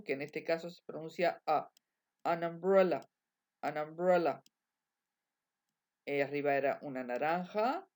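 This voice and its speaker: A woman, teaching English grammar in a slow, repetitive bilingual lesson. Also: low voice, a little mellow. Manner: slow, repetitive drilling of examples.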